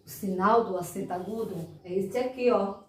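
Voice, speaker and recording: A woman's voice: medium pitch, a little mellow. A Brazilian woman teaching children in a recorded lesson, stretching out words and checking in often. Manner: drawn-out, emphatic enunciation of words, frequent "tá?" checks. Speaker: primary school teacher. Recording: echoey room, mic far off.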